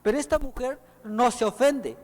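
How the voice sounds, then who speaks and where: A man from El Salvador preaching a sermon in a church, animated and acting out the voices he quotes. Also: very high-pitched, moderate pace. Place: church hall. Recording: long reverb of a church hall.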